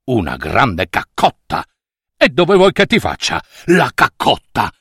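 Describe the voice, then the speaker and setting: A man voicing a gentle, slow-witted male donkey in a fairy tale, with a puzzled, slow way of talking. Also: medium pitch, wildly swooping pitch, breathy edge, no echo, clean studio sound, full character voice.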